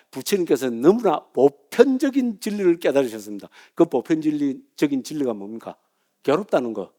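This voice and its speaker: Middle-aged man, Buddhist monk lecturing, fairly high voice, chatty, keeps checking in with listeners. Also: mellow. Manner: chatty, keeps asking "right?", laughs at himself.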